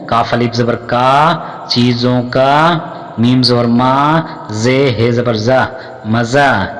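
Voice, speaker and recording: A man with a Pakistani accent teaches Urdu reading, sounding out each word letter by letter at a very slow pace. He stretches the syllables and repeats each word. His voice sits at a middling pitch and carries a long reverb, as if in a hall. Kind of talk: spelling out words letter by letter.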